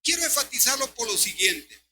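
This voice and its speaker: A man's voice: very high-pitched, fairly quick. An older man, preaching an emphatic sermon as pastor and often calling his listeners brother. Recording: noisy recording with steady hum.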